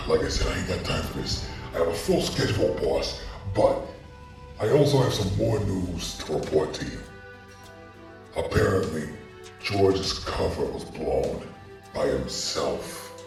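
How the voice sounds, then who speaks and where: A man talking through a voice changer that makes him sound like a deep echoing robot, playing a weary henchman reporting to his boss. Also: expressive, unhurried, gravelly, a little mellow, far from the mic, soft background music, exaggerated voice.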